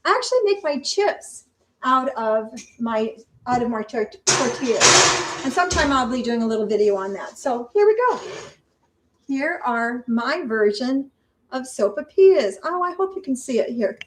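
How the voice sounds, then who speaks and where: A woman's voice: on the high side, very animated, moderate pace, a little hiss or hum, poor audio. An older woman cooking in her home kitchen, chatting in a homey, talkative way as she works. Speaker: vlogger. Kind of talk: casual cooking vlog.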